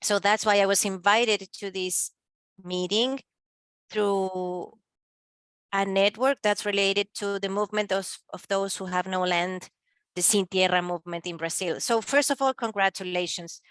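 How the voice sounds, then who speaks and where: Woman, simultaneous interpreter, halting delivery, dry close recording. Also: mid-range voice, fairly even intonation, a bit bright, smooth, no echo. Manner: halting, with pauses and filler sounds.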